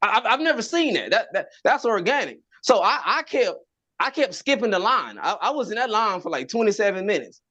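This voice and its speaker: A male comic works through a stand-up set with a lively, swinging voice. He stumbles over his words and repeats them as he tells his stories. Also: high-pitched, fairly quick, muffled recording. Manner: stammering repeats, animated storytelling. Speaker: stand-up comedian.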